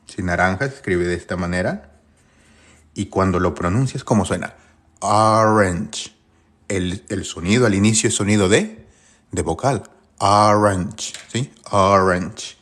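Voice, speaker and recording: Guy teaching english grammar, low voice but really bouncy, keeps asking questions then answering. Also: husky. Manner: lively, rhetorical questions to viewers. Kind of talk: online grammar lesson.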